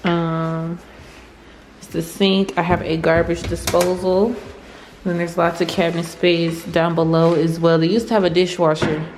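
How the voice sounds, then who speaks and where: A woman talks casually to her viewers as she walks through an empty, unfurnished apartment. Her voice sits a little low, and she speaks at an unhurried pace. Every word rings out with a big hall echo off bare walls, and faint music plays underneath. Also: little pitch movement, noisy background. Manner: chatty, informal, talks to viewers as "y'all". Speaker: vlogger.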